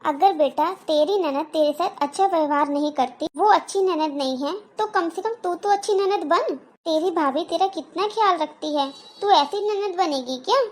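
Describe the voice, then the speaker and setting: A woman's voice: extremely high pitch, normal speed, hardly any pauses. Woman voicing a wise advising aunt. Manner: gently lecturing. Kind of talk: cartoon voice acting.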